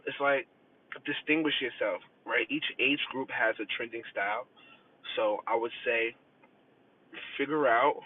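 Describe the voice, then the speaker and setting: Confident guy coaching dudes on dating, slangy and emphatic, says right? a lot, noisy kinda phone-like audio. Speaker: dating advice presenter. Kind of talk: casual direct-to-listener advice talk. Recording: noisy, rumbling, partly tinny phone-like sound.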